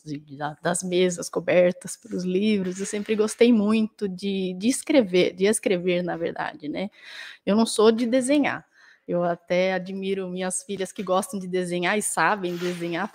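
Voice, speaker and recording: A woman dentist and author with a Brazilian Portuguese accent answers interview questions thoughtfully, often restarting and adding tag questions. Her voice is on the low side with a darkish tone.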